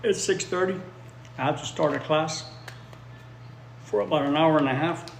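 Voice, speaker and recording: On the high side and touched with vocal fry, this man's voice moves at a moderate pace as he livestreams an English lesson. Spanish is his first language, and he chats loosely with viewers, repeating phrases for their benefit. The room echoes, with faint ambience and a little background noise.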